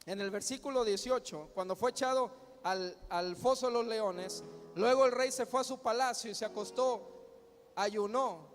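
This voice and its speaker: In a large church hall, a pastor preaches emphatically, firing rhetorical questions and calling the crowd to answer. His voice sits high and moves at normal speed. Long hall reverb and faint music mark the recording.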